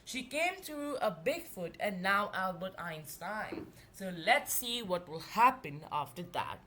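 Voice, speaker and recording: Reading a children's story aloud and retelling it, a woman speaks expressively in a mid-range voice, drawing out certain words for emphasis.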